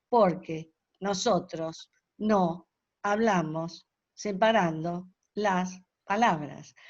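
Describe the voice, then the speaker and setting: A woman's voice: fairly low pitch, no room sound. An older woman giving a webinar lecture, explaining at length with many hesitations and fillers. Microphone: video call. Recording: dull dry video call audio.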